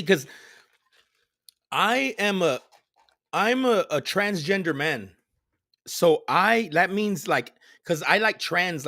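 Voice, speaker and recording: A man's voice: on the high side, bright, forceful tone. A man streamer from San Antonio, Texas, rambling through absurd jokes in casual live stream chat with a straight delivery.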